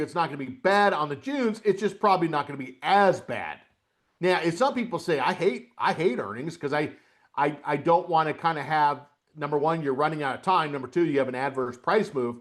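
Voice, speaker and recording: A man's voice: a little high, a little fast. A middle-aged man coaching a live webcast lesson on options trading, chatty with folksy asides. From upstate New York, US. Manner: chatty, lively, folksy asides while walking through a trading screen.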